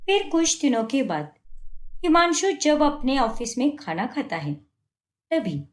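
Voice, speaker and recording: A woman's voice: high voice, big pitch swings, slow pace. A woman narrating a cartoon story in a plain storytelling manner.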